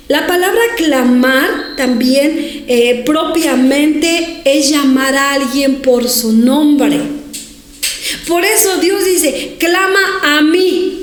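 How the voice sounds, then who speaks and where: A woman pastor delivers a sermon with a high, unhurried voice, repeating key words for emphasis. She rises to shouts when voicing prayers. The recording has a roomy echo and a faint background ambience. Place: church hall, streamed to viewers.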